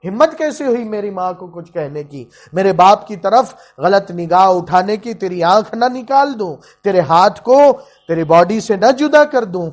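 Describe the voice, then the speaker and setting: A man's voice: sits high, expressive. A man preacher voicing a wayward young son who is hot-headed and fiercely protective of his parents, in a sermon story. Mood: enraged. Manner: urgent, agitated.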